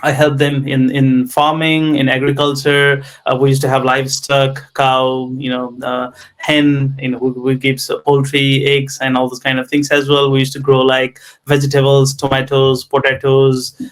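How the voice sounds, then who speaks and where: Speaking in a monotone, mid-range voice, a Nepali-accented man in his thirties who runs a tech venture recounts his life in an interview. He hesitates a lot, pausing and filling gaps with ums and you knows.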